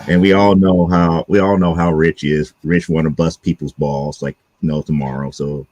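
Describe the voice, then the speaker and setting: A man's voice: extremely low pitch, flat delivery, normal speed, darkish tone, dull audio. A man joining a casual live stream as a guest, joking and ribbing his friends.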